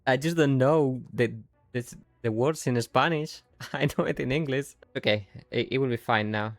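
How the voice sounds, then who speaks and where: A man's voice: medium pitch, normal speed, vocal fry, no room sound, faint music behind. A man with a Yorkshire accent, chatting casually while streaming a game, rambling and breaking off mid-sentence. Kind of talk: casual live-stream commentary.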